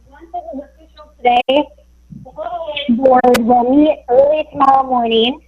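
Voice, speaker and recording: Give me a woman on a remote call, her connection breaking up and fading away as she speaks, explaining the plan steadily to a board of commissioners. She speaks a little high, and the sound is dull and lo-fi, as remote meeting audio often is. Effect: remote call audio cutting in and out and fading away. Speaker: economic development staff presenting to commissioners. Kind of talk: briefing in a public board meeting. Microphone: remote call, joined by unmuting.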